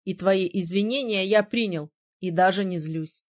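A woman reading an audiobook, voicing a calm, teasing young male prince with a slightly lower, softer voice. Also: normal speed, lightly acted. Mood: sly stern.

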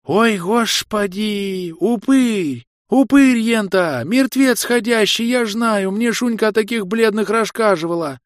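Man doing a high shrill old granny, fretful, wailing, folksy, dry close sound. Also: very animated, a little slow, no room sound. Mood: panicked. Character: fussy, fretful old village grandmother.

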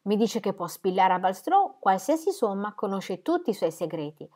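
A woman's voice: medium pitch, sing-song, moderate pace, warm tone. A woman voicing a boastful, sarcastic male horse dealer who gossips with bluster.

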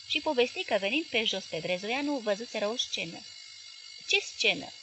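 Fairly high-voiced woman narrating an audiobook. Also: expressive, background noise. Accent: Romanian. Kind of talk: literary audiobook reading.

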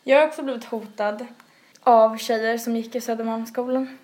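A woman's voice: fairly high pitch, fairly even intonation, darkish tone. A young woman, co-hosting a casual chat with short reactions and dry remarks. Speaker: podcast co-host.

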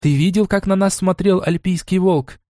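An excitable young noblewoman, voiced by a male reader, bursts into quick, earnest exclamations. Her voice sits a little higher than a man's usual speech. The audiobook recording is dry. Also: dry recording, close to an everyday voice. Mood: excited. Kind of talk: audiobook character voice.

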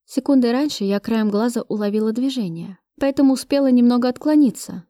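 A woman reading a first-person action story aloud, steady and brisk, close to the mic. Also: on the high side, no echo. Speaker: audiobook reader. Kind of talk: first-person audiobook narration.

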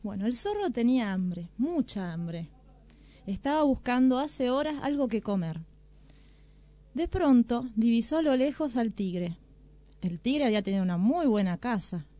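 A woman's voice: a little high, moderate pace, no echo. A woman narrating a children's folk tale on the radio, telling it expressively from a studio. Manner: expressive, animated. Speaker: storyteller. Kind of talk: storybook narration.

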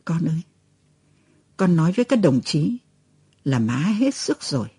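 A woman voicing a dying older mother who speaks in a faint, halting whisper. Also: mid-range voice, big pitch swings, warm tone, husky, no echo, clean studio sound. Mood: fading. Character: dying older mother, weak yet resolute.

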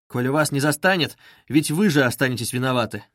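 Мужик озвучивает нервного напористого парня, давит вопросами, обычная высота голоса. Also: male voice, mid-range voice, lively intonation, quick pace, fairly bright tone, dry recording, studio quality, lightly acted. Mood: irritated. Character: feverish brooding young man, insistent. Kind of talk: audiobook reading.

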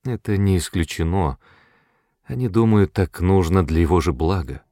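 A man reading an audiobook, voicing a calm, strong-willed mother who speaks quietly and firmly. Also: low voice, no room sound, clean studio sound. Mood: calm sad. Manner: quiet and measured, turning stern.

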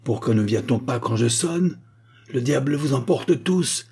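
A man's voice: medium pitch, moderate pace, warm tone, breathy edge, lightly acted. A man voicing a proud, wealthy man, offended and imperious toward those around him.

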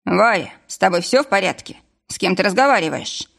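A woman's voice: medium pitch, expressive, brisk, vocal fry, fairly bright tone. Female reader as clumsy tipsy young man, rueful, storybook. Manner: rueful, complaining.

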